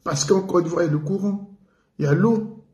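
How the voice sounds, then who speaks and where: Speaking fairly quickly, a Congolese man based in France delivers an indignant radio monologue on politics, hammering points home through repetition. His voice is warm and dark, a touch higher than typical for a man, in an echoey room.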